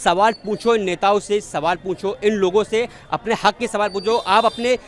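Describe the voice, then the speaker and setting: A male street reporter with a high-pitched voice speaks straight to camera. He builds his point through repeated, earnest appeals to his audience. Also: steady tone, moderate pace. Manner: earnest, preachy, repetitive appeals. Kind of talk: street interview and on-camera commentary.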